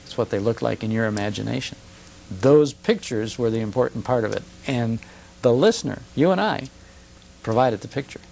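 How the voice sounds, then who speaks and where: An American man in his fifties, an old-time radio broadcaster and enthusiast, appears as a guest on a television studio interview, telling nostalgic stories fluently with short emphatic phrases and rhetorical questions. His medium-pitched voice is animated, gravelly, and a little mellow at a moderate pace. The low-quality recording comes from an older TV broadcast with faint hiss and hum.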